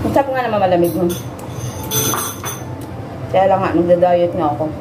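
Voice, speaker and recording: A woman's voice: lowish voice, expressive, brisk. A middle-aged woman vlogger in a casual, giggly chat, talking with her mouth full while chewing. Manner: chatty, giggly. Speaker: mukbang vlogger. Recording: echoey room with background noise.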